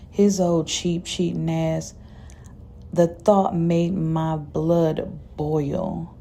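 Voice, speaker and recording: Gravelly, dark-voiced woman storyteller. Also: fairly low pitch, slight background noise. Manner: dramatic, casual and profane. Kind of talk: first-person story narration.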